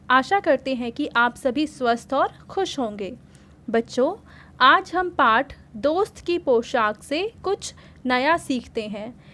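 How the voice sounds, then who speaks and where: A woman with a high, fairly bright voice and a Hindi accent teaches young children a worksheet lesson. She works through it patiently step by step, regularly asking her pupils simple questions as she explains.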